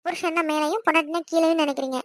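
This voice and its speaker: A woman voicing a young wife in an animated series, arguing and pleading quickly and insistently. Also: very high voice, no room sound. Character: young wife, stubborn and outspoken.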